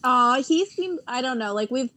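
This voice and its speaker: A woman's voice: high voice, expressive, normal speed, bright, forceful tone, a little hiss or hum. A woman co-hosting a podcast in casual chat, congested from a chest cold. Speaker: podcast co-host.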